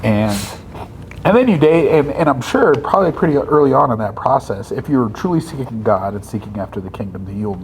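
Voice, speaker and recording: A man's voice: medium pitch, animated, brisk, slight background noise, rough recording. A man in his thirties co-hosting a casual faith podcast, thinking aloud and checking in with his listener as he goes. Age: 30s. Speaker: podcast co-host.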